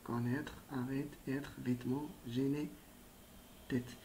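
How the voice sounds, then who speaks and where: Slow, patient male teacher. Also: medium pitch, little pitch movement, warm tone, slight background noise. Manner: slow, patient, addresses pupils directly. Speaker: primary school teacher. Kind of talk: recorded spelling lesson.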